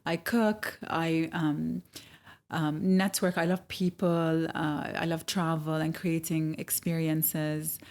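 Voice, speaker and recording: Reflective Saudi-born woman chef, low voice. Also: little pitch movement, takes it slowly, darkish tone. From Saudi Arabia. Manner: reflective, hesitant with many fillers, laughs easily. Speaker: guest chef. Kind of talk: casual interview conversation.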